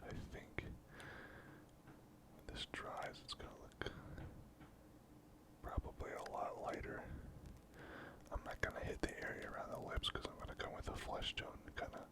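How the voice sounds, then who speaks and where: The host of a miniature painting channel gives relaxed ASMR commentary in a breathy, unvoiced whisper. He takes his time, thinking aloud in halting phrases as he works.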